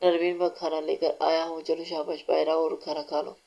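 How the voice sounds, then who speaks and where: Audiobook: bossy teasing young husband read by a woman, low and flat, mellow, lo-fi. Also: gravelly. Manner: domineering, mocking. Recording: dull lo-fi recording.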